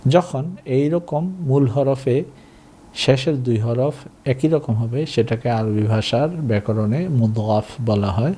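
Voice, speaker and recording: A man teaching Arabic in a recorded lesson, slowly drilling and repeating words for learners to copy. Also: medium pitch, dark tone, slight background noise. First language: Bengali.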